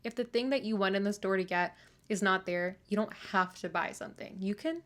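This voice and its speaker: A woman's voice: mid-range voice, fairly quick, fairly bright tone. A woman hosting a casual commentary, wry and amused as she talks over clips. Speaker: commentary host.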